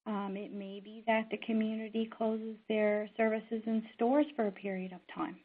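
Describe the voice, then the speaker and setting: Woman teaching, tinny narrow sound. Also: mid-range voice. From Newfoundland and Labrador, Canada. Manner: earnest, steady and conversational, often pausing on "um". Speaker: social worker. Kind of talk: instructional talk.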